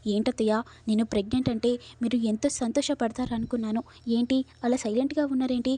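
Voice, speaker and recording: A woman's voice: a little high, steady tone, quick pace, dark tone, natural voice. A woman voicing a cheerful, pregnant young daughter-in-law, in a plain read-out manner. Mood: eager. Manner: plain read-out lines, hardly acted.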